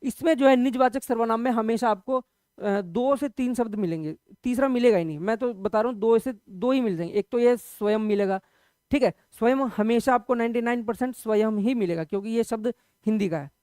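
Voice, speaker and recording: A man's voice: extremely high pitch, a little mellow, smooth, no echo. Man giving a patient, dry grammar lesson. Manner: explains patiently, checks in with "okay?" after nearly every point; conversational, repeats examples slowly. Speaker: Hindi grammar teacher. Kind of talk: exam-prep grammar lecture.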